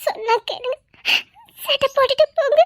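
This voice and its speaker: Woman playing a very high, tearful pleading young wife. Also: moderate pace, a bit bright, dry recording, studio quality. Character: young wife pleading with her angry husband. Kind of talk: web drama acting.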